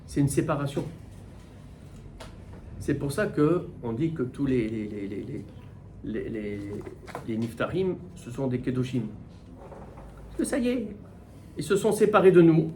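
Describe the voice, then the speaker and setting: A middle-aged man, a rabbi, giving a Torah class in with mixed in, animated and full of rhetorical questions. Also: mid-range voice, unhurried, long pauses, a little hiss or hum. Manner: animated, rhetorical questions, repeats words while searching. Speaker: rabbi teaching the weekly portion. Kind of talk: Torah class, spoken teaching.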